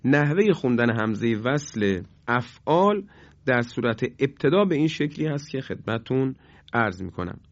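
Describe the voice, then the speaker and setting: Male recitation teacher for a broadcast lesson: patient, says examples slowly, dry and slightly dull sound. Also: medium pitch, dry recording. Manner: patient, repeats each example slowly and clearly.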